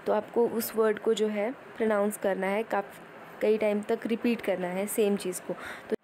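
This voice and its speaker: A woman teaching an exam-prep lecture, explaining in Hindi with many fillers and reading English headings out slowly. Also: mid-range voice, little pitch movement, dark tone, slight background noise, poor audio.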